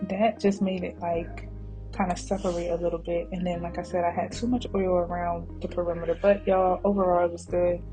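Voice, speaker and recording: A woman's voice: on the low side, warm tone, poor audio. A woman narrating her own cooking video as a casual voice-over, chatty and rambling, often drifting into side stories and talking straight to her viewers. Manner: laughs easily, addresses viewers as y'all. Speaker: home cooking vlogger. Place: voice-over added to kitchen footage. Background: background music.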